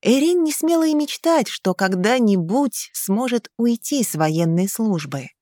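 A woman narrating a fantasy novel in a slow, measured audiobook reading on a close mic. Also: fairly high pitch, expressive, a little mellow, no room sound.

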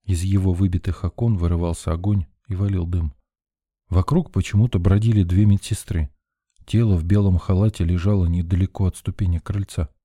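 A man's voice: low voice, mellow, dry recording, clean studio sound. A man reading a first-person story in a tense, urgent narrating voice. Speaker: audiobook narrator.

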